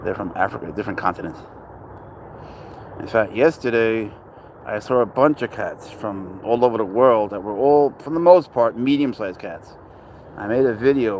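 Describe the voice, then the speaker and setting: Here a man raised in Spain hosts a relaxed livestream, chatting and wandering off topic while he reads and responds to viewer comments out loud. He has a lowish voice, with slight background noise behind it.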